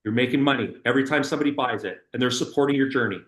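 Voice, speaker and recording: A middle-aged man leading a workshop. He talks in an energetic, emphatic way, repeating words and using plenty of fillers. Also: medium pitch, very fast, roomy sound. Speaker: workshop instructor. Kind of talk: public speaking workshop talk.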